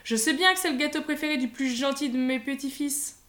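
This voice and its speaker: A woman's voice: high-pitched, brisk. Woman voicing a tender, doting old granny. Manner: soft, tender, drifting into whispers. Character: gentle elderly grandmother, doting and dreamy. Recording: roomy echo.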